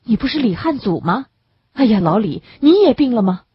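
A woman's voice: on the low side, sing-song, moderate pace, husky, no echo, full character voice. A woman voicing a worried male camp team leader who coaxes and reassures a sick friend. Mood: coaxing. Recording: dull lo-fi recording.

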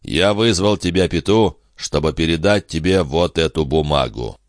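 A gruff, grave older farmer, as a male audiobook reader voices him. He speaks tersely in a very low voice, stern and grumbling. The recording is dry and close. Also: moderate pace, no room sound.

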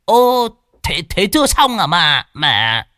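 A man voicing a rowdy, scrawny older man who yells and whines in a high voice. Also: very animated, takes it slowly, no echo, clean studio sound, heavily acted. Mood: whining. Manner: shrill, yelling, whiny.

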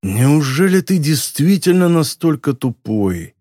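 A man voicing a condescending, sinister bald American man in an audiobook, speaking in a cold, mocking, deliberate way. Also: on the high side, lively intonation, a little mellow, no echo, studio quality. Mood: scornful. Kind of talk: audiobook character voice.

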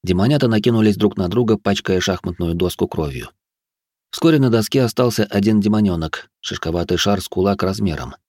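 A man narrating an audiobook in an even storytelling manner. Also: lowish voice, fairly quick, dry recording, clean studio sound. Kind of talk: scripted narration.

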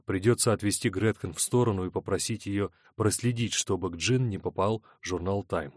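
A man narrating an audiobook in a steady, measured reading. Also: fairly low pitch, no room sound, clean studio sound. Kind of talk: scripted narration.

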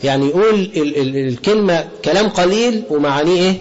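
A man's voice: fairly high pitch, animated, quick pace. A man with an Egyptian Arabic accent giving a colloquial religious lesson, often asking the audience a question and answering it himself. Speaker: preacher. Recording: dull lo-fi lecture recording.

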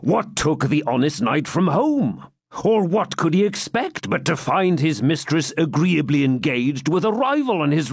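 A jovial old friar of the woods, as a man reads him aloud, hearty and mock-grave. His voice swoops up and down with lively rises and falls. He takes his time, and the sound is close and dry. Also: a little high, husky, dry recording, voice pushed up, exaggerated voice. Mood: wry.

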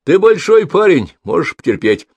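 A man voicing a grey-haired village hospital medic who talks calmly and reassuringly. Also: on the high side, moderate pace, slightly rough, no echo, pitched above the performer's own voice, exaggerated voice. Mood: kindly.

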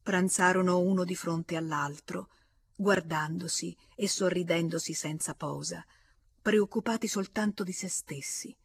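A woman reading a classic novel aloud as an audiobook, narrating in a measured, expressive way with an Italian accent. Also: lowish voice, gravelly, slightly rough. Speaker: audiobook reader.

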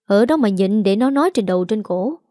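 A woman's voice: medium pitch, lively intonation, brisk, dark tone, no room sound, studio quality, natural voice. A woman voicing a hot-tempered, crude grown son who roars and curses, in a Southern Vietnamese accent. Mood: grumbling. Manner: roaring, cursing.

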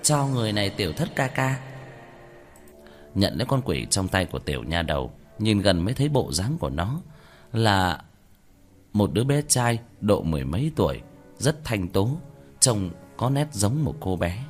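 A man narrating a fantasy tale with a low voice that rises and falls with animated feeling. Faint music plays softly behind his steady, expressive reading. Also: moderate pace. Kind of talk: storybook narration.

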